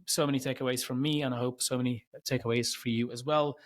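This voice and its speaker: A man at a mid-range pitch hosts a relaxed podcast conversation. He is openly enthusiastic, quick to exclaim over what he hears. He often pauses on fillers and restarts his phrases as he goes. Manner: effusive, quick to exclaim wow and gosh; hesitant with fillers and restarts in long intros. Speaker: podcast host. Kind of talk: casual interview chat.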